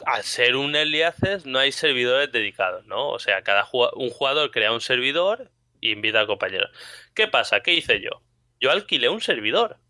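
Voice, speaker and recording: Bright, animated Spanish man telling stories. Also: mid-range voice, normal speed, no room sound, studio quality. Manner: animated storytelling, frequent laughter. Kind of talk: casual chat.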